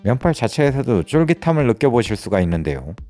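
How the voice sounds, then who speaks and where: A man's voice: medium pitch, sing-song, quick pace, warm tone, faint music behind. A young adult man narrating a restaurant food review in an upbeat, descriptive way.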